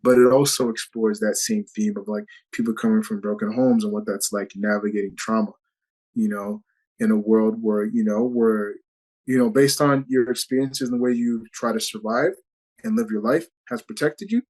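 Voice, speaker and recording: A man's voice: on the low side, steady tone, moderate pace, darkish tone, low-quality recording. A man being interviewed as an actor over a video call, talking in an earnest, reflective way with many "you know" fillers. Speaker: actor guest.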